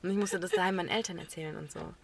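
A woman co-hosting a podcast, telling an animated story in casual chat, laughing often and acting out what people said. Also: on the low side, rapid-fire, vocal fry, background noise. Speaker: podcast co-host.

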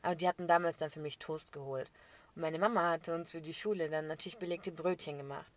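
Animated young woman telling a story. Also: sits low, quick pace. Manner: animated storyteller, laughs often, acts out quotes. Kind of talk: casual chat, storytelling.

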